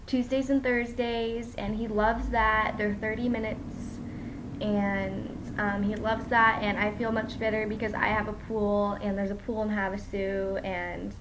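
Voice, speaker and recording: A woman's voice: medium pitch, little pitch movement, a little slow, background noise. A young mother giving a casual home video update about her toddler, chatty and rambling with many ums, tired after a poor night's sleep. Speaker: young mom vlogger.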